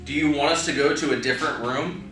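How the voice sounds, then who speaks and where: A man's voice: a little high, steady tone, fast, fairly bright tone, recorded from a distance. A young man speaking casually to spirits as a ghost-hunting vlogger. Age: young adult. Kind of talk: addressing spirits in casual speech. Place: small bare indoor hotel room. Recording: very echoey room, off-mic, music underneath.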